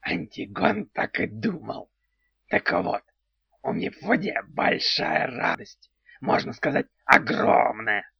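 An impish male house spirit from a storybook drawls his words slowly and strangely, always naming himself in the third person, as a man puts him on. His voice is gravelly and dry. The recording sounds dull and lo-fi. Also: medium pitch, very animated, no room sound, exaggerated voice. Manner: slow, odd, talks of himself in third person. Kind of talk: audiobook character voice.

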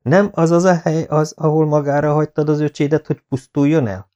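A man voicing a stern, controlled Norman baron who speaks softly but with a hard edge, in an audiobook. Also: fairly high pitch, steady tone, dull audio, pitched above the performer's own voice, lightly acted. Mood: cold. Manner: soft-spoken but hard-edged.

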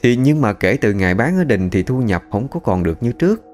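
A man's voice: medium pitch, big pitch swings, brisk, a little mellow, soft background music. A man narrating a ghost story in a colloquial, chatty way.

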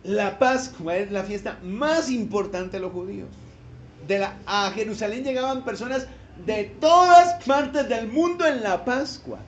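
A male pastor preaching a sermon, telling a story and acting out the voices, sometimes rising to shouted cries. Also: sits high, measured pace, reverberant, a little hiss or hum.

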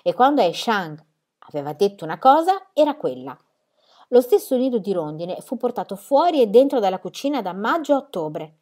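A woman reading a children's story aloud, calm and expressive. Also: mid-range voice, moderate pace. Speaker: reader. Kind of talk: audiobook reading.

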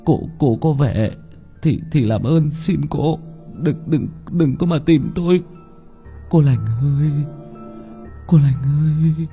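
A man's voice: slow pace, long pauses, warm tone, faint music behind. A man doing a stammering, terrified young servant. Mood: pleading. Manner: stammering, pleading, shrill with fear. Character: terrified young male servant begging a ghost.

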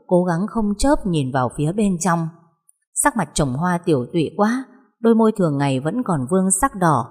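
Woman reading a novel out loud, lowish voice, big echoey reverb. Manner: steady storytelling. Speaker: narrator. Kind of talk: scripted story narration. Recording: long hall reverb.

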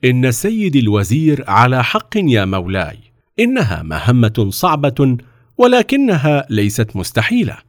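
Man doing a calm clever young scholar guy, polite, patient explaining, dry close sound. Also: medium pitch, a little fast, dry recording, voice pushed up. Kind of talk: storybook reading.

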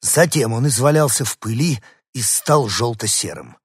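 A man narrating a children's story in the first person with expressive storytelling. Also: medium pitch, moderate pace, husky, dry recording, studio quality. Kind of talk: scripted narration.

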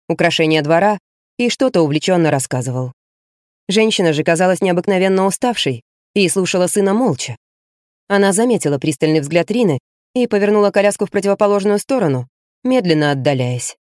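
An audiobook narrator reading a young-adult mystery thriller in a steady, measured way. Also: medium pitch, dry recording, clean studio sound. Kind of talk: scripted narration.

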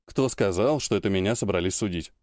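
A man reading an audiobook, voicing a wry, dry-humoured soldier brother with a low, weary delivery. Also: fairly quick, a little mellow, no echo, lightly acted.

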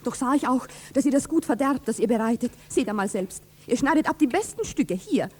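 An actress playing a proud, spirited young count's daughter in a 1960s radio play, reproachful in classic verse. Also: female voice, a little high, animated, fairly quick, slight background noise, lightly acted. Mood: scolding. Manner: indignant, reproachful.

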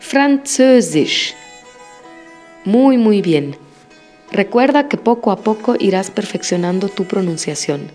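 A woman teaching a language lesson, modeling words slowly and praising the listener after each repetition. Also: medium pitch, expressive, mellow, faint music behind. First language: Spanish. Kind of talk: slow, patient language lesson with repetition drills.

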